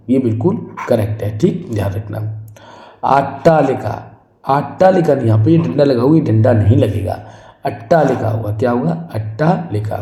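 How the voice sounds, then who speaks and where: A man teaching an exam-prep spelling lesson, saying each word slowly and more than once, then asking the class what the right answer is. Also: medium pitch, warm tone, reverberant. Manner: drills each word slowly and repeatedly, asks the class questions. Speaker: Hindi teacher.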